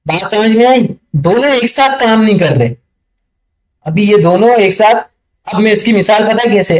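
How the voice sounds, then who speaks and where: High-voiced man teaching a chatty tech lesson. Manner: chatty, keeps checking understanding; reads English passages slowly and haltingly. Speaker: networking tutor. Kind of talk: screen-share tech lesson.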